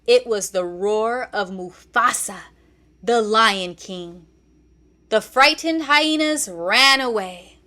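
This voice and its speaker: Expressive and deliberate, a woman with a fairly high-pitched voice narrates a children's read-along storybook.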